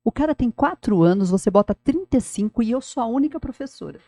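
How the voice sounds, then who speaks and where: A middle-aged woman, a former school director telling stories in a podcast interview, animated and addressing the listener directly. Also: on the high side, quick pace, no echo, studio quality.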